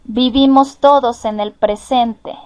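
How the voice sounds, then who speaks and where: A woman with a Mexican accent teaching at a deliberately slow pace, her voice sitting a little high. She explains patiently and repeats each example so it sinks in. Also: fairly even intonation, a little mellow. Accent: Mexican Spanish. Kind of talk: slow, careful classroom explanation.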